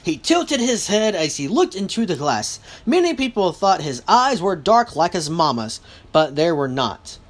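A woman reading a novel aloud with lively delivery, now and then stopping to correct herself. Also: on the low side, a little slow, hardly any pauses. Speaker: reader.

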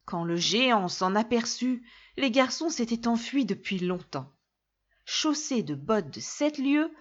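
Woman reading a fairy tale, lively up-and-down voice, kinda muffled lo-fi audio. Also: on the high side. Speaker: narrator. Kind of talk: storybook narration. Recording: dull lo-fi recording.

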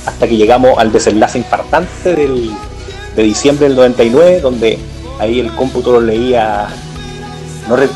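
Un hombre con acento chileno conversa de política en un pódcast, con muchas pausas y frases que se reinician. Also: male voice, medium pitch, over music. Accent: Chilean Spanish. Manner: rambling, many restarts and fillers. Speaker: political podcast co-host. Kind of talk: casual political chat.

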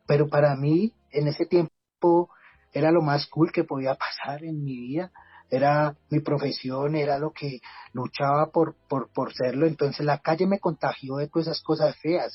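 A man with a Bogotá Colombian Spanish accent, his voice a bit high with a breathy edge, tells his personal story earnestly and reflectively as a podcast guest who leads a community project. He often restarts his words. There's no echo and the highs are cut off.

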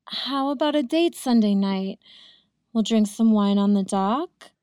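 A woman's voice: on the high side, fairly quick, close to an everyday voice. A woman reading an audiobook, voicing a moody wife who coaxes her husband. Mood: coaxing. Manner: coaxing, reassuring. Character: wife and mother, adult, moody and controlling. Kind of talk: audiobook narration.

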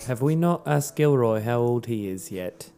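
A man's voice: medium pitch, animated, normal speed, mellow, clear, resonant tone. A man playing a tabletop game, slipping casually into joking in-character banter. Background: music.

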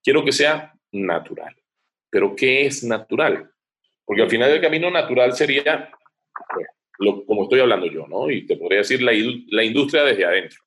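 A man's voice: mid-range voice, expressive, a little fast, fairly bright tone. A man speaking as an interview guest, an advertising director explaining his work at length, thinking aloud with frequent hesitations.

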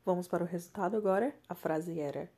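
A woman with a Brazilian Portuguese accent, an English teacher explaining grammar on a podcast and repeating example sentences slowly. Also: fairly low pitch, dark tone.

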